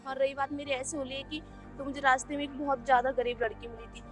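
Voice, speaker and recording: A woman's voice: high-pitched, level tone, quick pace, faint music behind, close to an everyday voice. A young woman playing a poor, earnest young woman who reproaches her ex-boyfriend in a web skit. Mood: reproachful. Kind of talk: Hindi web skit acting.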